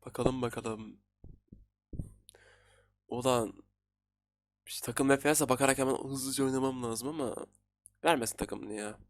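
A man in his twenties giving excitable, casual commentary while playing a game, talking to his viewers. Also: medium pitch, a little slow, long pauses, no echo. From Turkey. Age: 20s. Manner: excitable, talks to viewers while playing, frequent laughs and repeated words. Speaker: gaming YouTuber.

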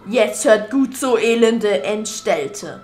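A woman voicing a menacing dark lord villain while reading game dialogue aloud, with slow, drawn-out, theatrical threats. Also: mid-range voice, expressive, soft background music.

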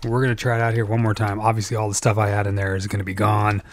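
A man commentating his own video game play, talking to himself nervously and breaking into excited yelps when danger appears. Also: on the low side, racing, a little hiss or hum. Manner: nervous, self-talking, frequent "oh boy", jumps to excited yelps. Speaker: let's play gamer. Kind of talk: gameplay commentary. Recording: game music behind the voice. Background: game music.

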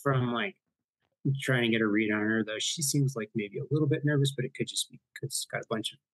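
A man running a tabletop game who talks in a loose, rambling way. His voice is husky and mid-pitched. The sound is dry and close to the mic. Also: fast talker, no room sound, low-quality recording. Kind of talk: casual tabletop game talk.

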